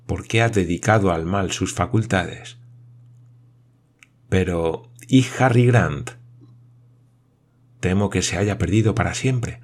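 A man doing a commanding nobleman, deep. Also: slow, pauses often. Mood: reflective.

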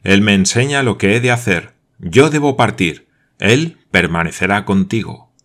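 A man's voice: lowish voice, expressive, a little slow, slightly rough, heavily acted. A man reading an audiobook aloud, voicing a passionate, desperate Scottish lord who pleads and commands urgently. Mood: commanding.

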